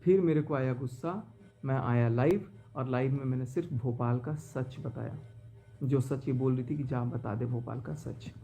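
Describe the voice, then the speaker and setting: Man, live-stream vlogger, aggrieved, pleading, mellow rough voice, talking from his car. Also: mid-range voice. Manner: aggrieved, pleading, recounting a betrayal. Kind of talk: emotional live-stream monologue.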